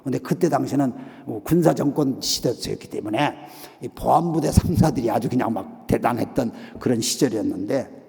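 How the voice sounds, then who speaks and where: A man's voice: medium pitch, a little fast, vocal fry, mellow. A male missionary preacher telling a story in a revival meeting sermon, acting out the voices he quotes. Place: church sanctuary. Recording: long hall reverb of a church sanctuary.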